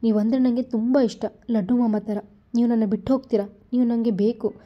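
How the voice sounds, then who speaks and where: A woman's voice: on the high side, steady tone, a little fast, lightly acted. A woman voicing a sulky, playful young heroine who pouts and talks like a child in a storybook reading. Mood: pouting. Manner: pouting, childlike. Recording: dull lo-fi recording.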